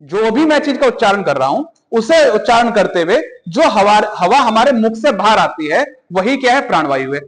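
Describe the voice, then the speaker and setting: A man's voice: high voice, big pitch swings, moderate pace, hardly any pauses, long reverb tail, low-quality recording. A man teaching an exam-prep grammar lesson, asking questions and answering them himself, repeating key points.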